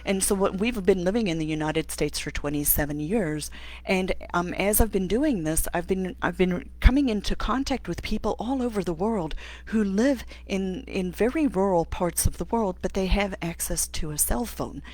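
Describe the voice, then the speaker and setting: A middle-aged woman from Africa, an occupational therapist hosting a live stream and answering viewer questions, thinking aloud with many pauses and restarts. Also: mid-range voice, a little mellow. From South Africa. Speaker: host.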